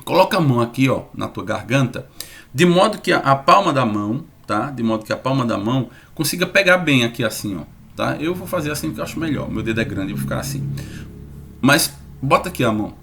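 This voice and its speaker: A man teaching an online lesson, lively and repeating sounds slowly to demonstrate them. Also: mid-range voice, creaky, faint music behind.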